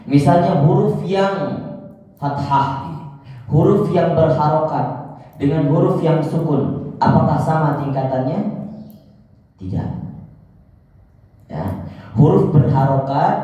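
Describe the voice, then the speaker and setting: Slow-spoken man teaching in echoing mosque. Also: fairly high pitch, dark tone. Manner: slow, explanatory, switches into melodic recitation. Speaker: Quran recitation teacher. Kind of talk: religious lesson with chanted examples. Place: large mosque hall. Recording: dull echoey hall from far off.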